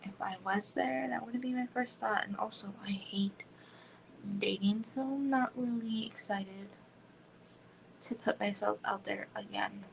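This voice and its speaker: A woman's voice: a little high, fairly even intonation, a little slow, vocal fry, a little hiss or hum, poor audio. A woman in her thirties chatting casually on a home livestream, rambling with many "like" fillers and slipping into whispers. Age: 30s. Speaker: livestream host. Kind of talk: casual chat.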